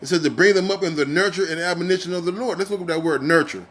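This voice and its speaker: A man's voice: high voice, fast, a bit bright, slight background noise. A man teaching from scripture in a casual, heated style, reading verses and then ranting with profanity and many fillers, often ending his phrases with "man". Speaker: street preacher.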